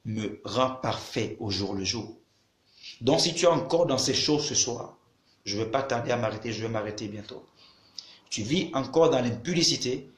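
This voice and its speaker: A man's voice: mid-range voice, echoey room. A man preaching a sermon to a video audience, emphatic and repeating his phrases as he addresses listeners directly.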